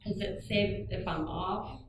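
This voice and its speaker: A woman's voice: medium pitch, takes it slowly. Audience woman from Ethiopia, rambling question, far off in a very echoey noisy hall. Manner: rambling, with many filler words. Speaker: audience member asking questions. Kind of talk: question from the floor. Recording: roomy hall, distant from the mic, with background noise.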